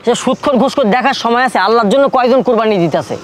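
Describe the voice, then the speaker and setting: Man acting as a hot-headed young son, argumentative, very fast talk, faint outdoor noise. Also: very high voice. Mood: pushy. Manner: agitated, rapid, argumentative. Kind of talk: short film acting.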